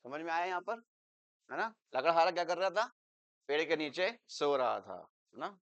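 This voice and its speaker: A man teaching an English grammar lesson in Hindi, explaining with English examples and turning loud and emphatic when he makes a point. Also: a little high, very animated, normal speed. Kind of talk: classroom lecture.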